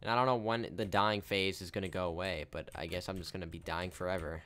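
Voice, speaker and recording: A man hosting a modded survival game let's play, chatting casually, goofy and quick to laugh. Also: sits low, steady tone, a bit bright. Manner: goofy, laughs often, swaps in mild swears. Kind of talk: casual gaming commentary.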